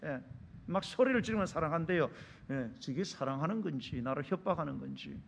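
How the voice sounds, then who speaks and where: A man's voice: fairly high pitch, animated, fairly quick, creaky, dull audio, a little hiss or hum. A man preaching a sermon as pastor, asking the congregation questions and acting out short dialogues in character voices. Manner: asks the congregation rhetorical questions. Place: church sanctuary.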